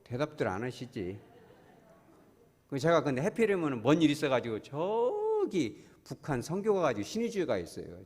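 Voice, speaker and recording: A male pastor delivers a Sunday sermon in a slightly high, husky voice. He keeps asking his congregation questions as he talks. His voice swings widely in pitch and rings with the long reverb of a church hall. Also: normal speed. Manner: animated, asks the congregation questions. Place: church sanctuary.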